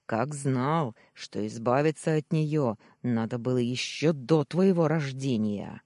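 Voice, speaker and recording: A man's voice: medium pitch, slow pace, darkish tone, dry recording, clean studio sound, close to an everyday voice. A man voicing a scheming, fat middle-aged uncle who shrieks and splutters, in an audiobook reading. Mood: spiteful. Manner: shrieking, spluttering, then nervous babbling.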